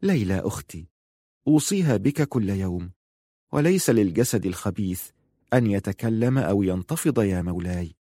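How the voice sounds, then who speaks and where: A man voicing a sorrowful young woman, the wife of a lord, speaking softly and sadly. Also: lowish voice, lively intonation, moderate pace, long pauses, breathy edge, dry recording, studio quality.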